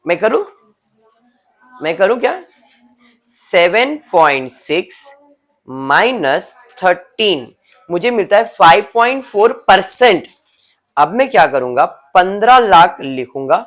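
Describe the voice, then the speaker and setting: A man's voice: high voice, fairly bright tone. A male teacher gives a classroom lecture, explaining step by step and teasing students by name.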